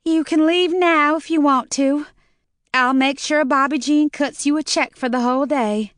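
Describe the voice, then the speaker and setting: A woman's voice: high-pitched, normal speed, fairly bright tone, dry recording, clean studio sound, voice pushed up. A woman narrator voicing a flustered female nursing home supervisor who hollers and sounds weary.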